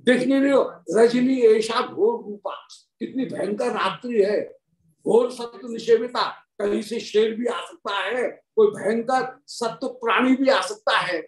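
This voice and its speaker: A woman giving a devotional scripture discourse, telling the story in an animated, dramatic way and reciting verses. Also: on the high side, a little slow. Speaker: devotional speaker. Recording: roomy, distant mic.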